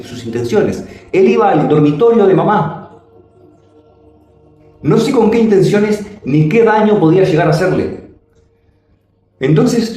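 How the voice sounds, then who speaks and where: A man telling a spiritual personal story dramatically, his pitch swooping and his phrases slow and drawn out. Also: dark tone. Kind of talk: personal testimony. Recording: very echoey room.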